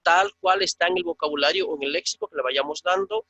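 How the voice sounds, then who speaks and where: A man with a Dominican Spanish accent teaches a Biblical Greek class, his voice high and gravelly. He swings his pitch widely, slowly drilling each word and saying it twice. The sound is dry and close. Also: pushed and bright, no echo. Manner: slow, repetitive drilling of words. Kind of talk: online class lecture.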